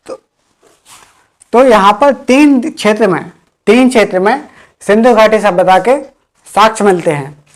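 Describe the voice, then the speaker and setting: Female history teacher, mid-pitched, drills each point with repeated questions. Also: lively intonation, unhurried, long pauses. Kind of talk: exam-prep history lecture.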